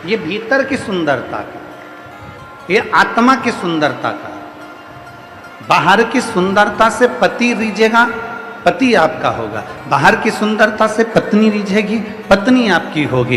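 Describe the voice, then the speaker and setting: ऊँची आवाज़ वाले पुरुष कथावाचक, गूँजता hall. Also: male voice, high voice. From India. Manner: rhetorical repetition, emphatic refrains. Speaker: kathavachak preacher. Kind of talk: devotional sermon to a live audience. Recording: roomy reverberant hall, faint music behind.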